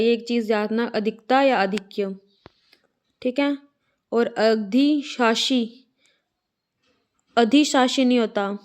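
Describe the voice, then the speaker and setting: Woman teacher, slightly high voice, repetitive call-and-response spelling drill, slows to spell out syllables. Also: clear, resonant tone. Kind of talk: drilling lesson.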